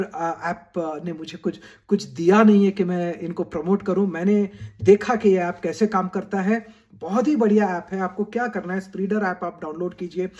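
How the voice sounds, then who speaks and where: A man's voice: sits high, darkish tone. A man coaching students in a video lesson, talking straight to them, checking in with "right?" and slipping English phrases into his talk. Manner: mixes English phrases into Hindi. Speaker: study skills coach.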